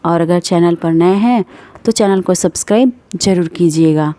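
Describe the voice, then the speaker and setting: A woman storyteller giving a steady, expressive scripted reading of a classic novel. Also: fairly low pitch, moderate pace, no room sound.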